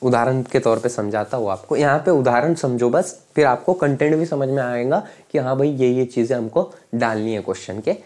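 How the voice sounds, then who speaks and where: A man's voice: mid-range voice, moderate pace, few pauses, darkish tone. A young man teaching to a camera, explaining each idea with everyday examples and often stopping to ask whether his viewers follow. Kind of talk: explanatory lecture. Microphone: speaking to camera.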